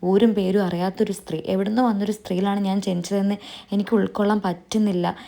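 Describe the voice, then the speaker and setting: A grief-stricken young man pleads in broken-hearted outbursts, as a woman reads his lines. The voice is mellow and warm, sitting at an ordinary pitch. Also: steady tone, fast, gravelly, lightly acted. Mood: distraught.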